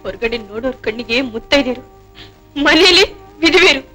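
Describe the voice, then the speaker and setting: This is a tearful young wife in an old devotional film. She speaks with raw emotion. Her voice is high and bright. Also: expressive, moderate pace, faint music behind, exaggerated voice, rough recording. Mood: bitter. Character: tearful, bitter young wife, quick to weep. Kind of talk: 1970s Indian film drama.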